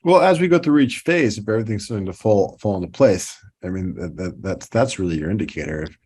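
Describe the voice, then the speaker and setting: A middle-aged man with a New York accent speaks in a fairly low voice. He rambles casually as a podcast guest, doubling back on his words and leaning on fillers as he explains his trade. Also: expressive, fast, a little mellow, husky. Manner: rambling, many restarts and fillers. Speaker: toy designer guest.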